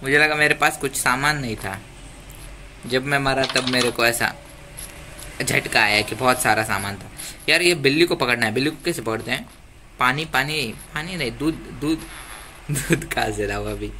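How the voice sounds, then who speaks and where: A man's voice: mid-range voice, moderate pace, pushed and bright. A man giving casual, joking commentary while playing a game, talking to his viewers. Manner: chatty, joking, pleads with viewers. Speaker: gaming YouTuber. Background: faint ambient noise, passing traffic.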